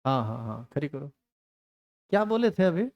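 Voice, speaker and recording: A man's voice: fairly high pitch, sing-song, normal speed, lo-fi sound. A man teaching a chemistry class, teasing and scolding his students. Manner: scolding, teasing students in a rustic Hindi dialect. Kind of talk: classroom lecture.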